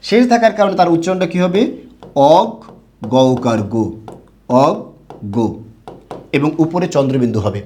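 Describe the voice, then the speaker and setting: A young man from Bangladesh teaching a grammar lesson, asking the class questions and answering them himself. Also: on the high side.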